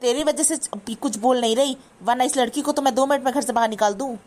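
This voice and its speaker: A woman's voice: high-pitched, fast talker, a little mellow, lightly acted. A woman voicing a bossy, scolding older mother-in-law in a cartoon. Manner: scolding, complaining. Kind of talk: cartoon voice acting.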